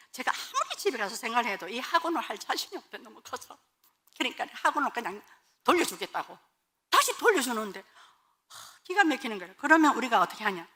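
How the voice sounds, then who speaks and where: Lively, bright-voiced woman telling a testimony. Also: on the high side. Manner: animated storytelling, acting out dialogue. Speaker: pastor's wife giving testimony. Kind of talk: church testimony. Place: church.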